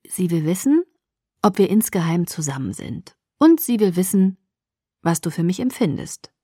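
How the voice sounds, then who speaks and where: A cryptic teenage boy with a soft, measured, teasing voice, read by a woman. The voice sits low for a woman, and the sound is dry and close. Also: big pitch swings, breathy edge, no room sound.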